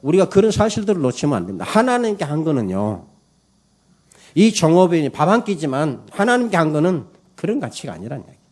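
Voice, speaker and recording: A man's voice: a little high, big pitch swings, a little fast, darkish tone. A man pastor giving a Sunday morning sermon in church, preaching emphatically, calling for amens and telling a story with many fillers. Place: church service.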